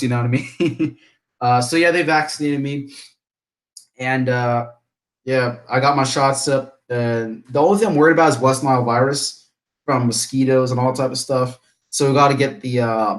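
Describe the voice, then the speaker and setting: A young man from Bangladesh talks on a live stream in a loose, rambling way. His pitch sits in an ordinary middle range, he laughs often, and he restarts his sentences as he goes. The sound is a plain home computer microphone. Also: rough recording. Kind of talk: casual live stream chat. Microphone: computer mic, camera off.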